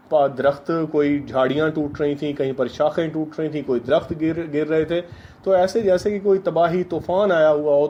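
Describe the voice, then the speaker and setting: Male teacher reading slowly. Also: on the high side, muffled recording, slight background noise. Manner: reads English phrases slowly, then lists synonyms and translates. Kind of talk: lecture explaining an English text.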